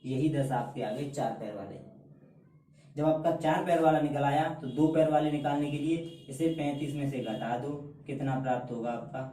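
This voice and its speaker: A man's voice: medium pitch, moderate pace, warm tone, reverberant, recorded from a distance, poor audio. A man teaching a math lesson at a board, emphatic, repeating key answers and calling his students "beta". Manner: calls students beta, mocks shortcut tricks.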